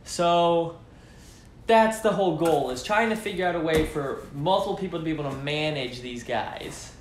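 An enthusiastic young man talks casually to the camera while unboxing gear on his couch, thinking aloud as he goes. His voice sits a bit high. The living room sounds echoey, with a faint hiss underneath. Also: moderate pace. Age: young adult. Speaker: tech vlogger.

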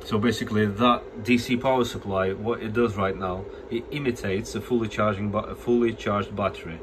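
Briskly and in a steady, lowish voice, a man with a cold explains a phone repair at his workbench, plain and casual, with some restarts. This hands-on demo is shot on a phone camera held over the bench, with a noisy background.

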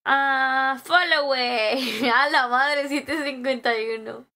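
Woman streamer, young, high bright voice, unhurried, jokey with chat. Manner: joking, reads chat aloud and greets viewers. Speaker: game streamer. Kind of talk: casual live-stream chat.

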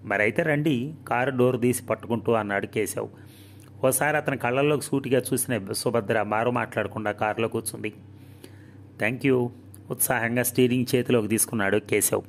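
A man narrating a novel aloud in a calm, even storytelling manner. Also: mid-range voice, fast, a little hiss or hum. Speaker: audiobook narrator.

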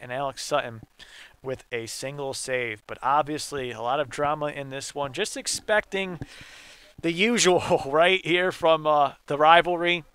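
A young man recapping college soccer highlights in a brisk play-by-play manner, speaking from a stadium broadcast booth. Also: a bit bright, clean tone, dry recording. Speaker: postgame highlights commentator. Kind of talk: sports highlights commentary.

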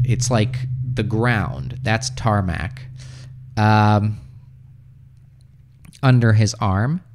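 A thirtysomething man who grew up in the United States hosts an easygoing English lesson stream from a small home room, sounding a little mellow. Reading out viewer comments, he answers casually with lots of fillers into a studio mic on a boom arm close to his mouth.

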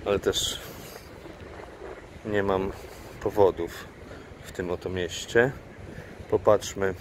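A man narrates his travel vlog from a city park beside a lake, speaking slowly in a lowish voice. His delivery is flat and unenthusiastic, with a dry sense of humor. The camera's own mic records him outdoors, with clear traffic and boat noise underneath. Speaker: travel vlogger and guide. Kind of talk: casual vlog commentary while filming. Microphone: handheld camera mic, speaker off screen.

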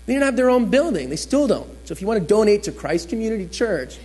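High-voiced man preaching a personal story. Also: big pitch swings, fast, a little mellow. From New Jersey. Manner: chatty storyteller, acts out the people he quotes. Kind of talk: sermon told as a personal story.

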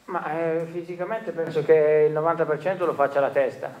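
A football coach in his forties answers questions at a post-match press conference in a stadium press room, speaking in a measured, reflective way and often restarting his sentences. His voice is fairly high and a little mellow, captured by a table microphone.

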